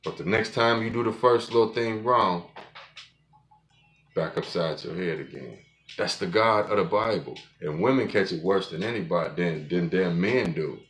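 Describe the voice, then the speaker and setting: This man in his forties, a podcast host, has a low-pitched, fairly bright voice and speaks at normal speed. Alone on his show, he gives a blunt, profane, rambling monologue, restarting sentences often.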